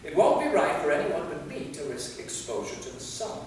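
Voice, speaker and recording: The actor voicing the vampire knight, centuries old, anxious and earnestly pleading, speaks fairly high, animated and brisk, close to his everyday voice. It's a live staged reading, recorded from a distance in an echoey hall with faint noise.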